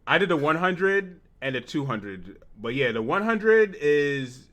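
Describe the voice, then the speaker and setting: Bright-voiced, playful young podcast host. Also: male voice, on the high side, sing-song, measured pace. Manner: playful and laughing, with stammered starts. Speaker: podcast host reading chat questions. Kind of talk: casual podcast chat.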